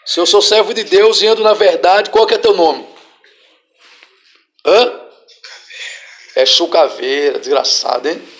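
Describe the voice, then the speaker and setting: A Brazilian man, a pastor, leading a deliverance prayer with forceful, repeated commands and sudden shouts. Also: high voice, unhurried, pauses often. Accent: Brazilian Portuguese.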